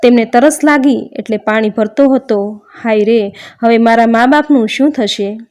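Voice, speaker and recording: A man's voice: very high-pitched, moderate pace, a little mellow. A woman voicing a dying young man, a devoted son, speaking in a broken, faltering way. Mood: despairing.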